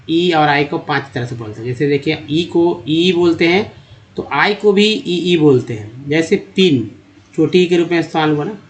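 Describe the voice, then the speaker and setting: A man teaching English reading, explaining slides step by step, repeating example words and addressing viewers as friends. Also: on the high side.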